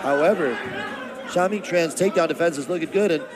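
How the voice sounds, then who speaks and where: A man giving live MMA play-by-play commentary in a measured, descriptive announcer style. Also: on the high side. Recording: crowd noise and music behind. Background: arena crowd and music.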